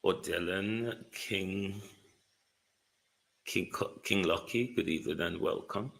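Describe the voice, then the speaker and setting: A man with a Jamaican accent hosting a live political talk stream, speaking theatrically, moving between calm and indignant heat. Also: deep voice, slow pace, vocal fry, rough recording. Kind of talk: live political commentary to viewers.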